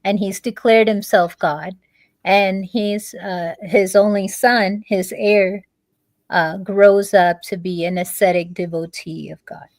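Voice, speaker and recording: Slow, halting woman telling a story. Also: mid-range voice, steady tone, no echo. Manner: halting, with many fillers and restarts. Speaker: guest. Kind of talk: storytelling in a conversation.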